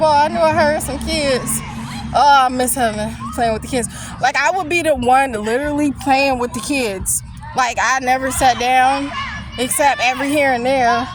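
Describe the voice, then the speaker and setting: A woman's voice: fairly high pitch, poor audio. A young woman vlogging while walking outdoors, out of breath, talking in a rambling, candid way. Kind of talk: casual chat. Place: outdoors on foot, near traffic.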